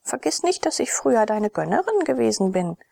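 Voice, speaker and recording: A haughty rich young lady gives orders in a high voice that tolerates no reply, as a woman reading an audiobook puts her on. The tone is gravelly and husky, and the sound is dry and close. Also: big pitch swings, brisk, darkish tone, no echo, full character voice. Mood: imperious. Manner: imperious, high-pitched.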